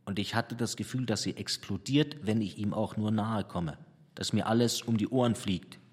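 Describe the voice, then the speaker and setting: A man voicing an anguished, despairing male painter in his fifties, with a strained, tormented delivery in a husky voice. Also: lowish voice, moderate pace. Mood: shaken. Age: 50s. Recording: long hall reverb.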